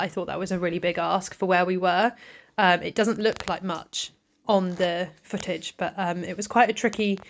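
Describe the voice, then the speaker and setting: A woman, giving a chatty, casual voice-over about her own riding footage, with lots of ums and asides. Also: fairly low pitch. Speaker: vlogger and event rider.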